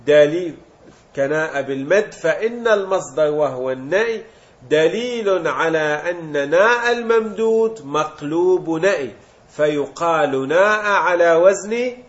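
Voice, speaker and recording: Man teaching. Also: fairly high pitch. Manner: explains step by step, asks and answers his own questions; mixes colloquial Gulf Arabic with classical terms. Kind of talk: Arabic morphology lesson. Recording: dull lo-fi recording.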